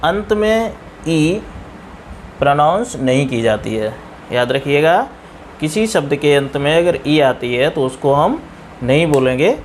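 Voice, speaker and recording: Indian man, slow letter-by-letter English teacher, slightly raised pitch. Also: a little hiss or hum. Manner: slow, spells words out letter by letter. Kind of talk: spoken English pronunciation lesson.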